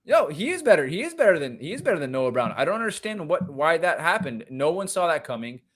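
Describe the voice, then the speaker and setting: A young man co-hosting a fantasy football podcast over a remote call, talking in an animated, ranting way that bursts into loud shouts. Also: on the high side, quick pace. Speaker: podcast co-host. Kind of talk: casual fantasy football chat.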